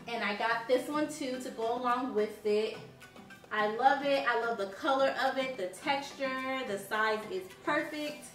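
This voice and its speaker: Bright and pushed, her fairly high voice carries through a roomy recording picked up by a distant mic. The young woman, who is from Haiti, sits on a sofa in her living room showing home decor to viewers in a casual haul video. She's bubbly and fills her speech with "like."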